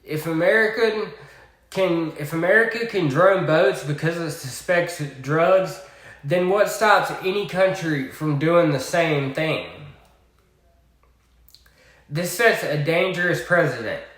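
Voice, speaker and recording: A man with a Southern US accent giving a political commentary monologue, deliberate, with sarcastic asides. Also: fairly high pitch, fairly bright tone, roomy sound.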